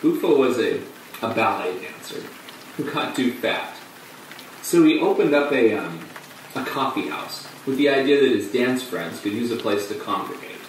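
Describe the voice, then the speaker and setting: An actor playing a flamboyant man who tells his story in a halting, breathless theatrical monologue. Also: medium pitch, animated, close to an everyday voice. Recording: echoey room, distant mic, faint hum.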